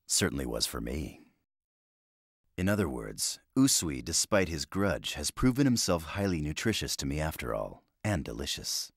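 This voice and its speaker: A man's voice: very deep voice, very animated, normal speed, no room sound, clean studio sound, full character voice. A man voicing a smug, gloating male villain in an ad-libbed dub outtake, with a leering delivery. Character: gloating male villain devouring his foe.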